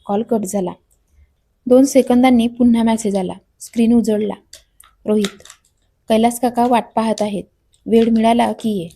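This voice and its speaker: Soft-voiced woman narrating a story. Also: on the high side, steady tone, moderate pace, pauses often. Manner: reads all characters' dialogue in her own voice.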